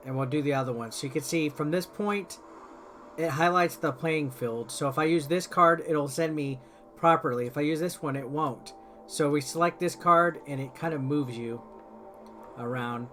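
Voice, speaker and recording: A video host with a fairly high, fairly bright voice gives informal, rambling gameplay commentary at normal speed. He explains things step by step while game music plays behind his voice.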